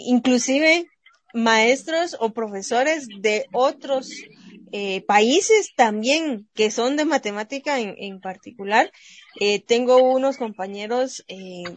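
A woman math teacher talks through her ideas in a relaxed discussion, pausing and checking in with listeners. Her voice sits fairly high. The sound is dry and close to the mic. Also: no echo. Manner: thoughtful, hesitant, asks for agreement with "¿verdad?". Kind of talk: casual panel discussion.

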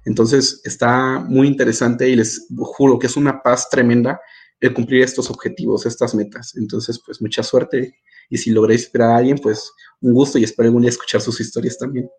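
A young man from Mexico, a student guest in a casual podcast interview, telling stories in an animated way and acting out his own past words. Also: mid-range voice, brisk, breathy edge. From Mérida, Yucatán, Mexico. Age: young adult.

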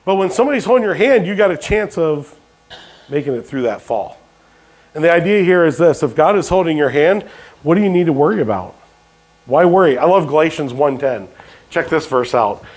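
High-voiced man preaching a sermon. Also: lively intonation, a little fast, darkish tone. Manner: call-and-response questions to the congregation; jokey asides. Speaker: pastor.

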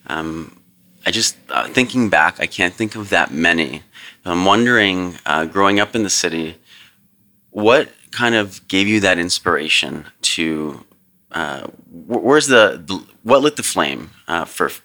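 A man's voice: sits low, expressive, measured pace, sharp tone. A man hosting a podcast, chatting casually and hesitantly with many ums and restarts. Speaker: podcast host. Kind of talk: casual interview chat.

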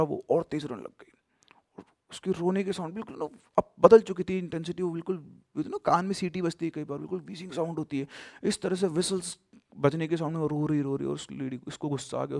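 A man casually telling a horror story, with emphatic bursts and sudden hushed drops. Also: fairly high pitch, fairly even intonation, fast talker, vocal fry, no echo, studio quality.

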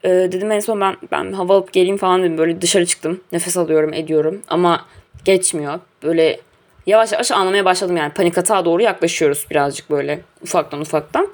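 A woman's voice: lowish voice, fast, a little mellow. A young woman casually recounting a personal story, animatedly acting out quoted dialogue.

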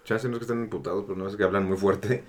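A man's voice: fairly low pitch, fairly even intonation, very fast. A Mexican man co-hosting a podcast in casual, joking banter.

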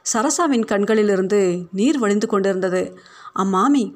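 A woman narrating a short story in a measured, steady storytelling voice. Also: medium pitch. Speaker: story reader.

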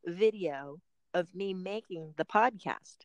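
A middle-aged woman, a podcast host and personal trainer, talks slowly in a lowish voice on a dry recording. She chats casually, laughing often and drifting into rambling asides.

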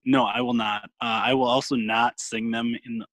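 A man's voice: mid-range voice, little pitch movement, moderate pace, a bit bright, no room sound. A man co-hosting a casual podcast, running a music quiz game in a playful, chatty way with sing-song announcements. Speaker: podcast co-host and game runner.

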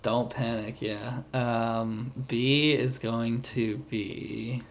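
A man's voice: medium pitch, little pitch movement, drawn-out words. A man co-hosting a podcast in casual chat, rambling and peppering his talk with "like". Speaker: podcast co-host.

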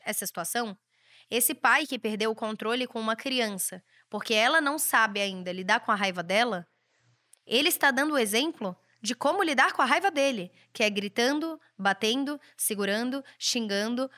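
A woman's voice: a little high, sharp tone. A Brazilian woman in her thirties hosting a podcast, giving a blunt, provocative motivational monologue with casual swearing. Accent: Brazilian Portuguese. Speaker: podcast host.

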